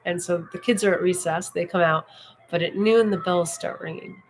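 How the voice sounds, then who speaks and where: A woman teaching in a room, speaking in an unhurried, contemplative way and guiding the listener through breaths. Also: lowish voice, a little hiss or hum, low-quality recording. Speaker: meditation and Taoism teacher. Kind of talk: reflective spoken teaching. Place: indoor room.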